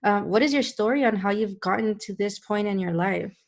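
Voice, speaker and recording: A woman hosting a podcast interview, asking questions in a relaxed, conversational way. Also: mid-range voice, a little fast. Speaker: podcast host. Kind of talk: casual interview talk.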